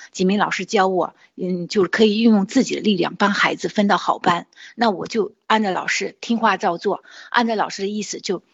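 A woman in her forties tells her own story in an earnest, unscripted way, pausing and restarting as she goes. Her voice is a bit husky, and the recording sounds muffled and lo-fi. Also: mid-range voice. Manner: earnest, with frequent hesitations and restarts. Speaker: parent sharing a testimonial. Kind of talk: personal testimony, casual monologue.

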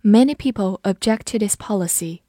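A woman teaching English vocabulary in a lesson, patiently spelling words letter by letter and reading example sentences slowly, with Chinese as her first language. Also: mid-range voice, dark tone, no room sound, clean studio sound.

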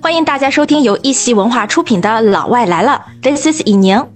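A woman's voice: fairly high pitch, animated, fairly quick, faint music behind. A woman co-hosting an English pronunciation podcast as the teacher, quizzing her partner in a confident, playful bilingual chat.

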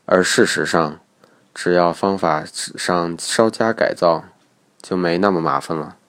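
Guy with a really low voice going through english study tips step by step, calm and matter-of-fact. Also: a little slow. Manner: methodical, matter-of-fact explanation. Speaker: English teacher. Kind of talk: instructional lecture.

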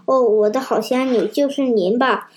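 A woman voicing an excitable, boyish wooden puppet in a storybook reading. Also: on the high side, normal speed, natural voice. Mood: amazed.

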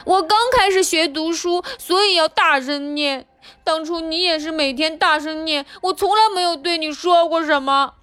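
A woman voicing an excitable, hot-tempered little boy frog in a children's storybook reading, calling out loud and whiny. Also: extremely high pitch, moderate pace, dry recording, pitched above the performer's own voice. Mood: upset. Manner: loud, whiny, indignant shouting.

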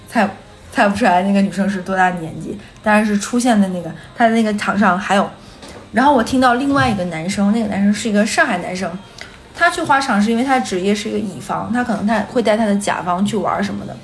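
Fast-talking woman podcast co-host. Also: mid-range voice. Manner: lively storyteller who acts out quoted dialogue and laughs often. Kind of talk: casual chat. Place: radio studio.

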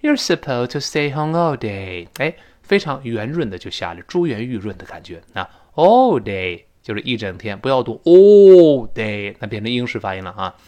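A man teaching spoken English in Chinese, explaining pronunciation and acting out sounds and sighs. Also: lowish voice. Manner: lively, demonstrates pronunciation with drawn-out sounds. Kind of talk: spoken English lesson podcast.

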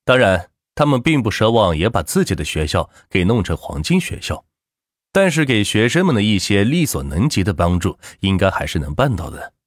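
A man reading a web novel aloud in animated audiobook narration, close to the mic. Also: lowish voice, normal speed, no echo. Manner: animated storytelling with expressive rises and falls.

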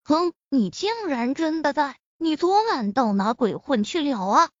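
A woman voicing a feisty young village official from a storybook, huffy and quick to scold. Her high voice swings widely, recorded dry and slightly dull. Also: expressive, no room sound.

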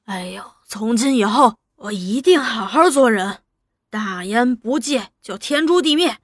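A woman's voice: fairly high pitch, expressive, a little slow, no room sound. Woman voicing old beggar man, wheedling, servile, pleading, storybook figure, dry close sound.

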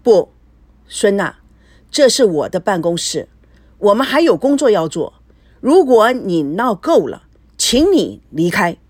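A woman voicing a weary young businessman who speaks in a firm, measured, cold way. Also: a little high, sing-song, dry recording. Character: calm, weary young businessman trying to stay cool.

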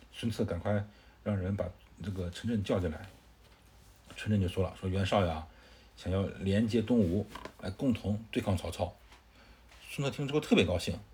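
A man telling a classic tale to a child in a casual, conversational way, adding explanatory asides and filling pauses with "er". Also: lowish voice. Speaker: storyteller.

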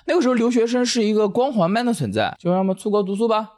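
High-pitched, animated man with Japanese-tinged English loanwords. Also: racing. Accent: Japanese-accented pronunciation of English loanwords in Mandarin. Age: 30s. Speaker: interview guest. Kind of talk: casual conversational storytelling.

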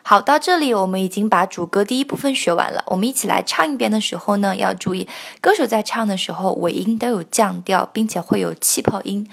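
A woman teaching the pronunciation of a song line by line, explaining patiently and singing phrases slowly to demonstrate. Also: mid-range voice, gravelly.

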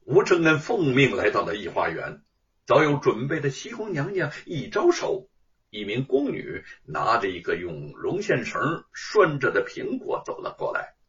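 A man's voice: mid-range voice, huge pitch swings, normal speed, a bit bright. A man telling a traditional story with a dramatic, sing-song delivery, on a dull, distant lo-fi recording.

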